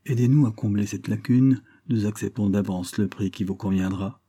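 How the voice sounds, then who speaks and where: A man reading a smooth-talking con man. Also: on the low side, normal speed, dark tone, no room sound, close to an everyday voice. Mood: persuasive. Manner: earnest, persuasive storytelling.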